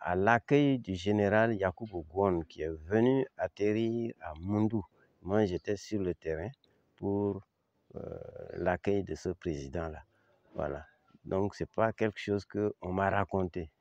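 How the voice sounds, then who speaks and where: An older man from Chad, with a Chadian accent, gives an informal historical account as an eyewitness commentator, halting, repeating words and pausing long to search for them, yet pressing his points emphatically with the listener. His voice is lowish and darkish in tone, with no echo, and the recording sounds muffled.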